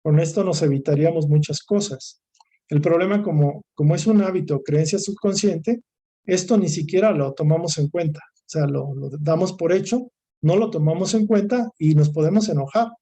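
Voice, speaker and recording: A man with a Mexican Spanish accent lectures through a course session, piling up lists of near-synonyms and restarting his phrases. His voice sits a little high for a man and has a mellow, soft-edged tone. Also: moderate pace. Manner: discursive, repeats and lists words, restarts phrases. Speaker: course instructor.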